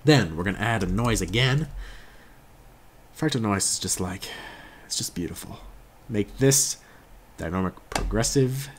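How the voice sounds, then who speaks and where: Laid-back young man with a deep voice. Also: lively intonation, unhurried, long pauses, a little hiss or hum. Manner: laid-back, jokey, self-correcting, talks while working. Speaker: tutorial host. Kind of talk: casual screen-recorded software tutorial.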